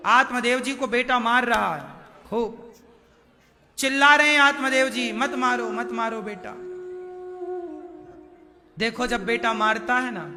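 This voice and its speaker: Guy giving a katha sermon, chants sanskrit, echoey hall, music playing behind. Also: very high-pitched. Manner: chants Sanskrit verses, acts out dialogue. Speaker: Bhagavat Katha preacher. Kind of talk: devotional sermon storytelling.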